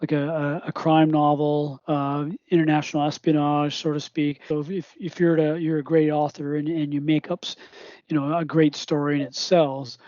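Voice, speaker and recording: Mellow, higher-voiced man interviewing casually. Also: flat delivery, moderate pace, dry recording, muffled recording.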